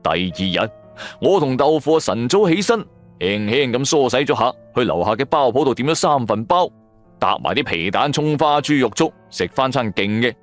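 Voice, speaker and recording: This supernatural serial is narrated in the first person by a man with a Cantonese accent, whose medium-pitched voice has lively intonation at a normal pace. He tells it dramatically and colloquially over a bed of background music.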